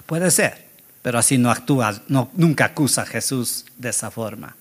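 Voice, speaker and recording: A man's voice: medium pitch, moderate pace. A man preaching a sermon, dramatic and acting out the Bible scenes, often asking the congregation questions. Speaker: pastor.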